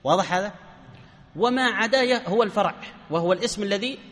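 A man's voice: high voice, fairly quick, a bit bright, long reverb tail. A man teaching a grammar lesson to a class, often asking questions and answering them himself.

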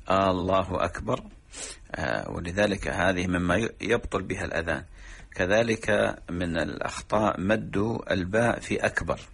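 A man, a sheikh, explaining religious rulings in a measured, teaching way on a radio program. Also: sits low, gravelly, a bit bright, husky. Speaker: sheikh answering religious questions.

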